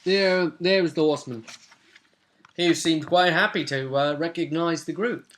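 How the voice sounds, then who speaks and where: This game master, a young man who also hosts a vidcast, unhurriedly recaps a tabletop roleplay session in a small home room. His voice is a little high and fairly bright.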